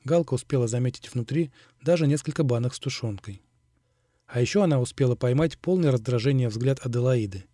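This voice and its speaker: A man narrating an audiobook in a steady, even reading. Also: mid-range voice, brisk, no echo, clean studio sound. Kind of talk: scripted narration.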